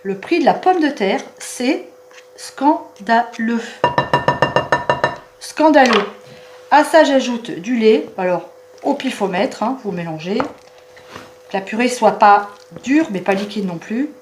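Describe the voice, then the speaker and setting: A woman hosting a home cooking show, chatting warmly and explaining each step of a recipe. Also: fairly high pitch, animated, a little slow, background noise. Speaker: cooking channel host. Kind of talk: cooking demonstration. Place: home kitchen.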